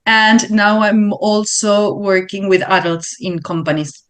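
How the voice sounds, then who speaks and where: A woman with a Uruguayan Spanish accent, a learning consultant being interviewed, speaking English as a second language and pausing to find her words. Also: medium pitch. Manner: thoughtful, searching for words with fillers. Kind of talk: interview answers.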